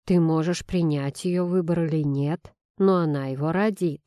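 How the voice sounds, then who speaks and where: A woman's voice: low voice, steady tone, moderate pace, mellow, dry recording, lightly acted. A woman reading a blunt, curt young woman. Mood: firm. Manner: dry, curt delivery.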